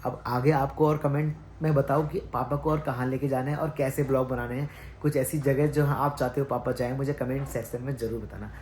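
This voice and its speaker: A man's voice: medium pitch, steady tone, fairly quick, a little mellow, a little hiss or hum. Chatty young male family vlogger. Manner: chatty, teasing with family, addresses viewers directly. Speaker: vlogger host. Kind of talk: casual family vlog and talk to camera.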